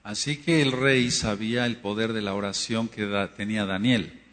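A man teaching a prayer course in sermon style, emphatic and repetitive, with bursts of loud exclamation. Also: lowish voice, steady tone, normal speed, long reverb tail. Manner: emphatic, repeats phrases, rising to loud exclamations.

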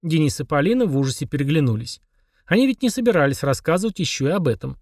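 A man narrating an audiobook in an even storytelling manner. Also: a little high, quick pace, no room sound, studio quality.

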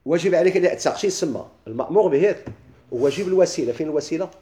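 A middle-aged man with a Moroccan accent, teaching a classroom lesson. He keeps asking his listeners quick questions and then answers them himself. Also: fairly high pitch, expressive, warm tone, reverberant. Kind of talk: classroom lesson explaining legal theory.

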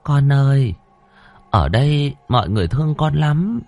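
A man's voice: mid-range voice, animated, moderate pace, gravelly, darkish tone, no room sound, faint music behind, voice pushed up. A man voicing a wealthy village matron who coaxes a ghost child in a honeyed, sweet-talking way. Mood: coaxing. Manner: honeyed, coaxing.

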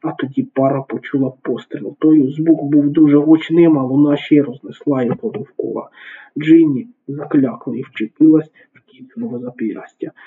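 Man reading an audiobook, kinda husky, sounds thin like over a phone line. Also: a little high, fairly even intonation, normal speed. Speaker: audiobook narrator.

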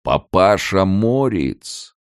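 A man voicing a huge, gentle male gatekeeper who calls out slowly and loudly. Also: sing-song, clear, resonant tone, no echo, clean studio sound, exaggerated voice. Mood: booming. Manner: slow, booming calls.

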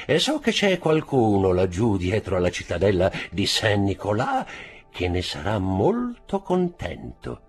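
A man reading an audiobook, voicing a coarse, nosy middle-aged neighbor who teases and pries loudly. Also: fairly low pitch, huge pitch swings, a little slow, husky, pitched above the performer's own voice, heavily acted. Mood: teasing. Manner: loud, teasing and prying.

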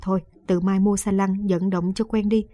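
A woman voicing an impatient, gruff elderly grandfather who scolds and exclaims. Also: mid-range voice, level tone, normal speed, warm tone, natural voice. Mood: scolding. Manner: scolding, exasperated.

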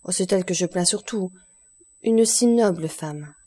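A woman's voice: on the low side, normal speed, warm tone, slightly rough. A woman reading the part of a shaken, troubled young man who speaks hesitantly.

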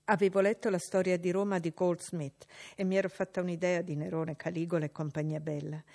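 A woman reading a classic novel as an audiobook, measured and expressive. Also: on the low side, vocal fry. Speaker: audiobook reader. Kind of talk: literary audiobook narration.

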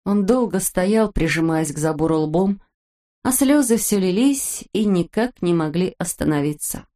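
A woman narrating a children's storybook in a steady, expressive reading voice. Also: on the low side, normal speed.

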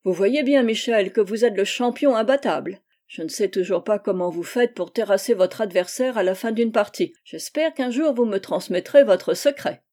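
A woman's voice: medium pitch, moderate pace, hardly any pauses, natural voice. Woman reading a courteous German-accented officer. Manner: courteous, flattering. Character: German Gestapo inspector, man, polite, smooth-talking.

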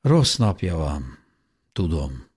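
A man playing a gentle old gentleman with a low, husky, unhurried voice. He speaks softly and kindly, with a sly, teasing charm, as an audiobook reading. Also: sing-song, heavily acted.

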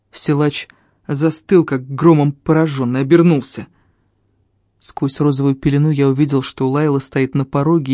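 An audiobook narrator reading a first-person fantasy story with expressive, emotional delivery on a close microphone. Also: mid-range voice, dry recording.

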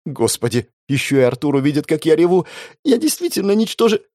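A man's voice: mid-range voice, animated, a little fast, a little mellow, no echo, clean studio sound, pitched above the performer's own voice, natural voice. A man voicing a humiliated young office worker, a woman near tears who talks in a trembling, choked way. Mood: tearful. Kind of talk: audiobook character voice.

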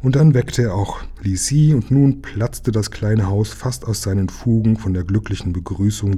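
A man narrating a children's storybook aloud in a calm, even reading. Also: lowish voice, husky. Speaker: audiobook reader.

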